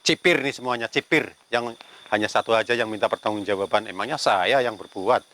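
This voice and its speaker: A man's voice: on the low side, fairly quick, fairly bright tone. A man narrating a ghost-hunting vlog outdoors among banana trees, murmuring prayers and challenging unseen spirits. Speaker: paranormal investigator.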